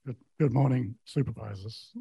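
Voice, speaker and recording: Older man, mellow voice, dry sound, hesitant public comment, polite. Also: medium pitch, creaky, slightly rough, no echo. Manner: hesitant, many ums and uhs; polite, measured.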